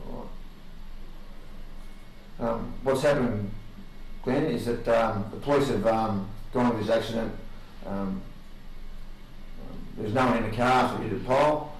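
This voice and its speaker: Australian male police interviewer, halting and plain-spoken, recorded from a distance with faint noise. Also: mid-range voice, very echoey. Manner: halting, informal, loses his place. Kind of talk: formal but halting questioning. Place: indoor interview room.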